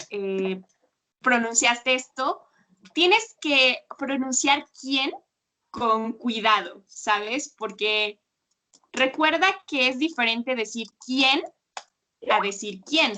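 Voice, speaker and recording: A woman's voice: high-pitched, animated, takes it slowly, bright, forceful tone. A woman tutoring Spanish on a video call, patiently explaining pronunciation with examples. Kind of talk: one-on-one language lesson.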